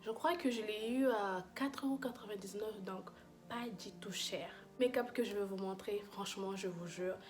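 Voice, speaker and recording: A woman's voice: medium pitch, a little mellow. A young woman chatting casually in a makeup review vlog, gushing and full of fillers and restarts. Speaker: beauty vlogger.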